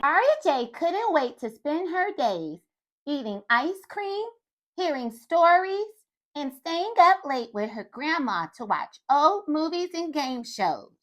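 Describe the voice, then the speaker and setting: Animated high-voiced woman reading to kids. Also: slow pace. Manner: animated, talks to young listeners. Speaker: children's storyteller. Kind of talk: read-aloud for young children.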